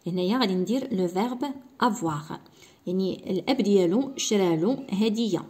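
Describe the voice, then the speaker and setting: A woman's voice: mid-range voice, animated, dark tone. A woman with a Moroccan accent, teaching a primary school French lesson and explaining each point step by step. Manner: slow, deliberate reading of French example sentences.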